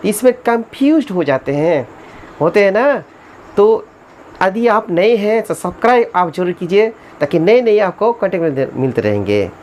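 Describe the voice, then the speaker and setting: A woman teaching a spelling lesson in Hindi, spelling English words slowly letter by letter and urging viewers to subscribe. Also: medium pitch, expressive, a little mellow, slight background noise.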